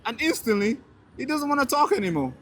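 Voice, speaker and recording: A young Tanzanian man, a street interviewer and show host, rants indignantly outdoors and straight to camera in casual street talk, repeating words as he gets heated. His voice is very high and a bit bright, with big pitch swings and a fairly quick pace. It's picked up by a handheld camera mic.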